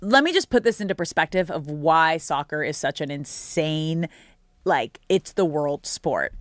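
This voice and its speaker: A woman's voice: deep voice, animated, a little slow, no room sound, studio quality. An American woman hosting sports radio, talking casually and emphatically straight to her listeners. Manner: conversational, emphatic, addresses listeners as you guys.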